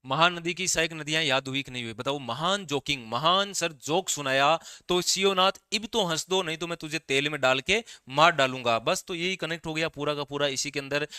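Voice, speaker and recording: A man teaching a live online exam revision class, quizzing students and answering for them in a way, his voice going hoarse. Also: a little high, sharp tone, dry recording, studio quality. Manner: sings a rhyming memory trick. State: voice getting hoarse.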